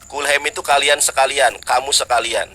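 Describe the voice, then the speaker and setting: A man's voice: steady tone, brisk, bright, forceful tone. A Sundanese man debating on a video call, pressing and challenging the other side. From West Java, Indonesia. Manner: challenging, insistent, chants scripture in high sung tones. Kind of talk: live debate.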